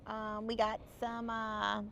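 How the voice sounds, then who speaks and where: A woman's voice: monotone, slow pace, gravelly, sharp tone. Young woman co-host, bubbly, reads chat live outdoors, noisy stream audio. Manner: bubbly, greets viewers by name in a high sing-song. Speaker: livestream co-host. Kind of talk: casual live chat, reading viewer comments. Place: outdoors by a grill.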